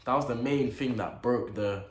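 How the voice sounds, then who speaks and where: A young man, telling a story to camera in a casual, animated way, full of slang and acted-out reactions. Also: medium pitch, normal speed. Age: late teens. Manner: animated, slang-heavy, acts out his own reactions. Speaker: vlogger. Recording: echoey room with faint noise.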